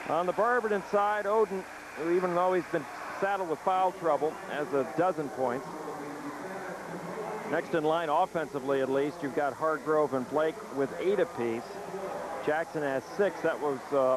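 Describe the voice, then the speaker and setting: A man's voice: a little high, moderate pace. A man calling a live basketball game as play-by-play announcer. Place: basketball gymnasium. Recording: noisy live gym broadcast.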